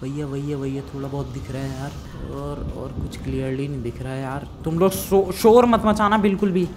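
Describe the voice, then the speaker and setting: A young man doing game role-play commentary, swinging from hushed talk to loud excited shouting. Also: mid-range voice, a little fast, noisy background. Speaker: gaming YouTuber.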